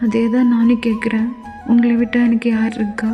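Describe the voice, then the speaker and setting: Woman doing a wounded young wife in a fan audio story, firm and tearful, somewhat high voice, roomy reverb. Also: monotone, brisk, warm tone, faint music behind, lightly acted. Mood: refusing.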